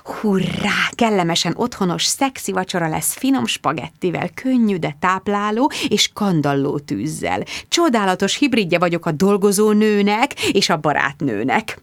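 A woman narrating a comic novel in the first person, with expressive delivery. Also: lowish voice, hardly any pauses. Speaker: audiobook narrator.

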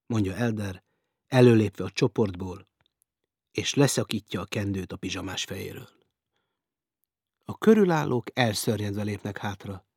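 A male narrator reads a crime story aloud with a husky, slightly breathy voice. His delivery is dramatic and vivid, and the recording is close and dry. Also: fairly low pitch, a little mellow, dry recording. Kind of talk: audiobook reading.

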